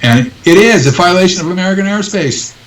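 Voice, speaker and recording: A man's voice: high-pitched, expressive, brisk, a little hiss or hum. Older guy guest on a talk show, pushy emphatic talk, sounds far off in an echoey room. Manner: emphatic, insistent, repeats points. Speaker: guest researcher. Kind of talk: live talk show interview.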